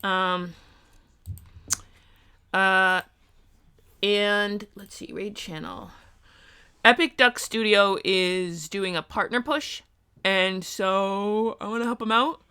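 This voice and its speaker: A woman's voice: medium pitch, slow, pauses often, bright, forceful tone, smooth. A tired woman streaming live, chatting casually and thinking aloud with lots of ums and uhs. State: tired, sleepy. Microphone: streaming mic.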